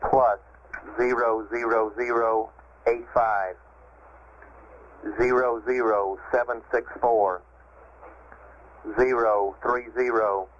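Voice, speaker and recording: Male American radio communicator, flat and procedural, on a hissy, band-limited two-way link. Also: mid-range voice. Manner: talking over walkie-talkie style radio, procedural, digit-by-digit. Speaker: mission control capsule communicator. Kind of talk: radio transmission, reading data and call signs. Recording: muffled noisy vintage radio link, static.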